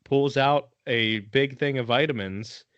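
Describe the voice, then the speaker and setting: A man's voice: medium pitch, measured pace, a bit bright, no room sound, highs cut off. A man co-hosting a podcast, telling the story in a laid-back, casual way and cursing now and then. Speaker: podcast co-host. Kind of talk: casual chat.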